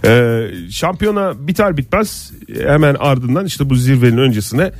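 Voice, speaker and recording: A man's voice: mid-range voice, animated, normal speed. Turkish man joking on morning radio. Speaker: radio co-host.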